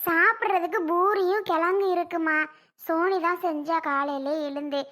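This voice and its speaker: A performer playing a tired, meek mother-in-law in a family comedy skit, speaking softly and with resignation. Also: very high voice, fairly even intonation, normal speed. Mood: resigned.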